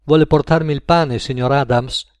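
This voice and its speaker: A man voicing a gentle, overly polite camp cook who speaks softly and courteously, in a storybook reading. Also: medium pitch, steady tone, normal speed, no echo, studio quality, close to an everyday voice.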